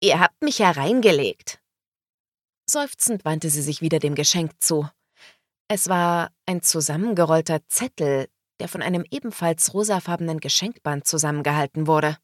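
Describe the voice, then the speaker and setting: A woman reading a novel aloud as audiobook narrator, in slow, even storytelling. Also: low-pitched, dry recording, clean studio sound.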